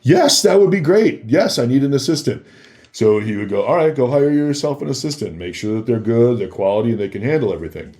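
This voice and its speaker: With a medium-pitched, dark voice and lively intonation, the guest moves fairly quickly through his stories. He's a former celebrity security worker on a podcast, casually acting out past conversations.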